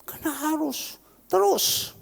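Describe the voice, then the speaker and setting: A man preaching as a pastor, repeating phrases fervently and rising to sudden loud peaks. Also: very high voice, a little slow, creaky. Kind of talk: sermon. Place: large church hall. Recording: long church-hall reverb.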